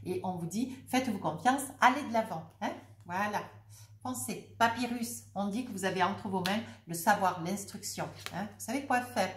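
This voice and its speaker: A chatty, jovial woman reads tarot cards for her viewers while nursing a head cold. She talks casually and peppers every thought with little tags, sitting at a middling pitch. Her voice bounces around a roomy, echoey space. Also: a little hiss or hum. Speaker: tarot reader.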